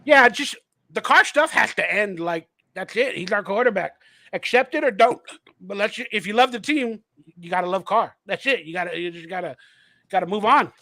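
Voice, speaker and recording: A man's voice: sits high, lively intonation, moderate pace, bright, forceful tone, dry recording. A man hosting a casual fan livestream, talking animatedly and acting out quotes as he tells stories, swearing freely. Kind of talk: casual chat.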